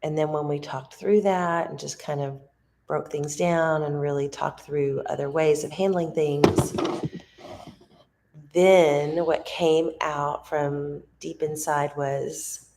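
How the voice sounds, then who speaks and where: A woman vlogs from a resort, talking in a rambling, heartfelt way. Her voice sits low with a gravelly edge. She takes her time, drifting from thought to thought. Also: steady tone, slow pace, a little mellow. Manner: rambling, heartfelt, searching for words. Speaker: vlogger and mom. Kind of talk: casual reflective vlog talk. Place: at a resort on vacation.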